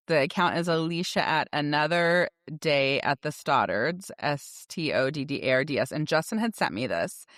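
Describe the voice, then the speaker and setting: In clean studio sound with no echo, a middle-aged female podcast co-host talks about daily life in a relaxed, conversational way. She tells anecdotes and frequently performs the dialogue from them. Her low-pitched voice has a slightly bright quality.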